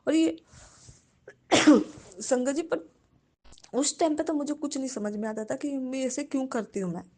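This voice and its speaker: A woman's voice: high voice, normal speed, a little mellow. A woman sharing a devotional testimony, addressing the congregation respectfully in nearly every sentence.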